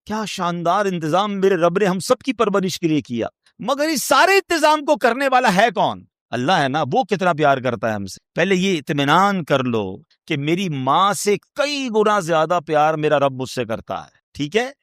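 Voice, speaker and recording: A man delivering a sermon as a preacher, emotive and rhetorical. He asks the listeners questions and swings from loud, high questions to low, quiet asides. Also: very animated, hardly any pauses, no echo, clean studio sound.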